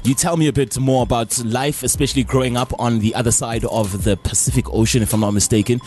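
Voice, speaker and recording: A man's voice: medium pitch, fast talker. Upbeat male radio host. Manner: lively, joking host patter. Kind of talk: live radio interview. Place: radio studio.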